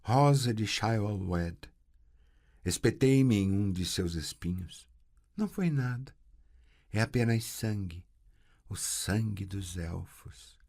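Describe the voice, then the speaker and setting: A man voicing a young girl who speaks calmly with a slight tremble, eerie and distant. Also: on the low side, takes it slowly, gravelly, voice pushed up, full character voice. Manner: calm, trembling.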